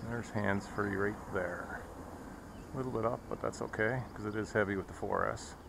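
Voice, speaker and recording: This man's voice is on the low side, with vocal fry and a moderate pace, as he flies hobby planes in an open field. He keeps up a casual, blunt chat full of wry swearing, captured on noisy outdoor action-camera audio.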